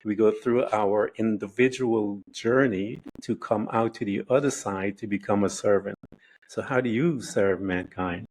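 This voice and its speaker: Earnest low-voiced man hosting a podcast. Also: darkish tone, rough recording. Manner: earnest, preachy, slow and deliberate. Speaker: podcast host. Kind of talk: inspirational podcast interview.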